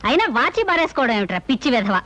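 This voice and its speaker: An actress playing an indulgent, gently scolding mother in a film comedy. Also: on the high side, big pitch swings, fast.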